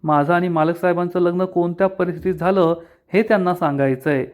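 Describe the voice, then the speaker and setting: A man's voice: high voice, fairly even intonation, fairly quick, lightly acted. Man reading Anandi, pleading young woman. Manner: pleading, apologetic.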